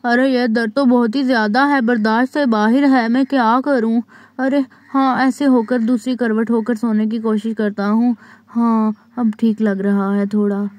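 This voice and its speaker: A woman's voice: a little high, steady tone, a little slow, darkish tone, dry recording, natural voice. A woman voicing a young village husband in a doll story, groaning and pleading over a stomach ache. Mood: pained. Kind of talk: doll story role-play.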